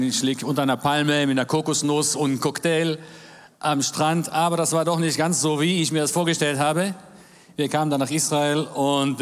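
A man in his forties, born in Germany, giving a church talk as a guest speaker in a jovial manner with jokes and amens. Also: fairly high pitch. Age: 40s. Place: large church hall. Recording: reverberant church hall.

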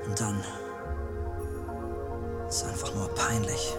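Man playing a remorseful disciple, staged monologue, slow earnest telling, slightly high voice, music underneath. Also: little pitch movement. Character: remorseful male disciple James, adult.

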